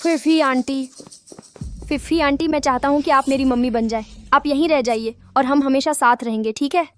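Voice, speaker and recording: A woman's voice: high voice, steady tone, moderate pace, soft background music, close to an everyday voice. A woman voicing a whiny spoiled little boy. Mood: pleading. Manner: whiny and defiant. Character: spoiled young boy who resents his mother. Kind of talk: Hindi dub of a drama.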